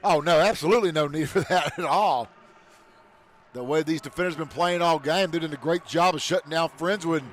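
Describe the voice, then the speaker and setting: A man calling high school football play-by-play, shouting on big plays. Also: a little fast, slight background noise. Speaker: play-by-play announcer.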